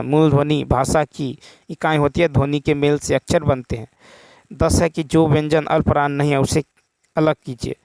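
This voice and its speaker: Male exam-prep teacher, gravelly fairly high voice, dry close sound. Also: no room sound. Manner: steady explaining, often adds a checking "okay". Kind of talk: explaining exam questions.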